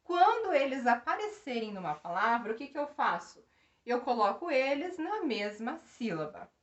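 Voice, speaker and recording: A woman's voice: on the high side, sing-song, moderate pace, lo-fi sound. A woman giving a grammar lesson, explaining step by step and asking the class questions. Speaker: teacher.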